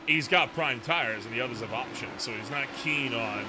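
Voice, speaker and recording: A man's voice: mid-range voice, moderate pace, music in the background, poor audio. A man giving live motorsport commentary on a sim race in a conversational play-by-play manner. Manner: conversational, checks points with "right?".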